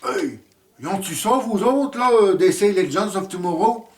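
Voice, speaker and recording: A man's voice: high-pitched, animated, a little slow, reverberant, voice pushed up. A man putting on a playful, exaggerated Quebec French accent to play a joking man. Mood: teasing. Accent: Quebec French, put on.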